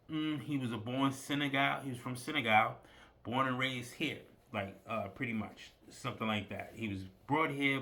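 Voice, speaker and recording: Bright-voiced man ranting casually. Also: mid-range voice. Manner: rambling, profane, repeats himself. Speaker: commentary vlogger. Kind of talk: casual rant.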